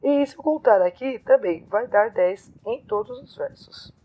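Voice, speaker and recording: A woman's voice: fairly high pitch, a little slow, slightly rough. A woman teacher explaining poetry scansion step by step, counting syllables aloud in a lesson. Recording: phone-like narrow sound.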